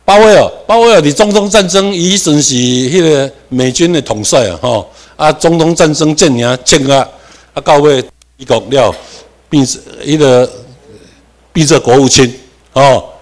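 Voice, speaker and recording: A man with a Taiwanese accent giving a classroom lecture, moving between Hokkien and Mandarin, dropping in English terms and asking himself questions as he goes. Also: moderate pace. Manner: animated, with sudden rises in pitch and volume for emphasis. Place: lecture room.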